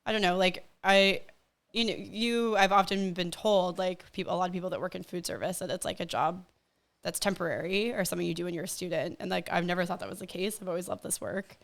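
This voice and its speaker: A woman's voice: lowish voice, fast talker, gravelly. Woman guest on a podcast, rambly, tons of "like", laughs a lot, casual chat. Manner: rambling, filler-heavy, laughs often.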